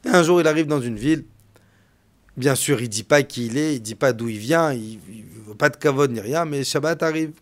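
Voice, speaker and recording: A man, a rabbi, delivering a storytelling sermon, swinging from hushed to loud. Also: mid-range voice, moderate pace.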